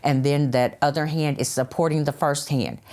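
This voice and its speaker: A woman's voice: low-pitched, fairly even intonation, normal speed, darkish tone. An American woman teaching hands-only CPR in a casual chat, stressing key points and repeating phrases for emphasis. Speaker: CPR instructor.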